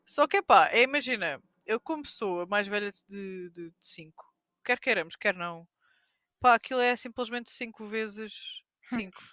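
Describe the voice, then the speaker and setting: Portuguese teacher lady chatting on a podcast, young, acts out her pupils, bright tone. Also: normal speed, dry recording, studio quality. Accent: European Portuguese. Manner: animated storytelling, mimics pupils in high squeaky voices. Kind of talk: casual chat.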